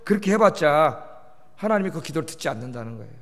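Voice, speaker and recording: A man's voice: on the high side, big pitch swings, fast, fairly bright tone. A male pastor preaching a sermon, emphatic, pleading with the congregation and firing questions at them. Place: church sanctuary. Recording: long church reverb.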